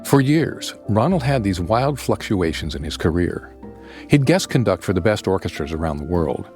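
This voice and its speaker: A man narrating a podcast story in a measured, scripted storyteller's delivery. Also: deep voice, very animated, darkish tone, faint music behind.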